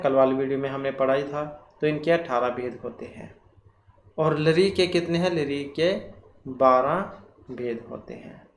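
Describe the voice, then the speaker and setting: A man teaching Sanskrit grammar for exam preparation. He works through quiz questions slowly and deliberately, asks himself questions and repeats the key terms. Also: on the high side. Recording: echoey room, faint ambient noise.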